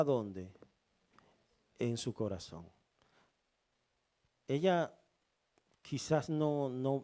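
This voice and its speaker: A pastor preaches a sermon in a dark, medium-pitched voice, reading scripture slowly and deliberately. He puts rhetorical questions to the congregation.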